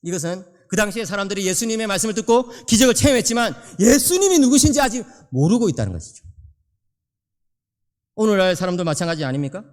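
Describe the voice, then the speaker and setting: A man preaching a sermon lecture as a theology professor, animated and often asking his audience questions. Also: high voice, fast. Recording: echoey hall reverb.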